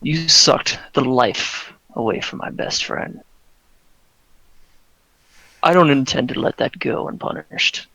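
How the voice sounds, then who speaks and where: A man playing a resolute, confrontational adventurer in a tabletop game, speaking sternly and deliberately. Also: mid-range voice, creaky, bright, forceful tone, dry recording, full character voice, low-quality recording. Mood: threatening.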